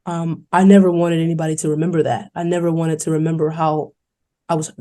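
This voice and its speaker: A young woman from New York City, a college basketball player, telling her story in an earnest, fast-flowing way on a podcast interview. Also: low-pitched. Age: young adult. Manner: earnest, fast-flowing, quoting others in lively voices.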